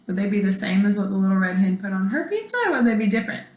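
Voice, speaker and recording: Speaking very fast in a medium-pitched voice, a woman schoolteacher performs a children's story as though her young students were listening. The reading is lively, full of questions for the kids, and recorded in an echoey space.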